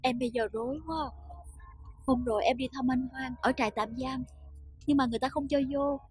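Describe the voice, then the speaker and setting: An actress playing a worried young wife in a Vietnamese TV drama, pleading and anxious. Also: female voice, high voice, fairly even intonation, fairly quick, husky, soft background music.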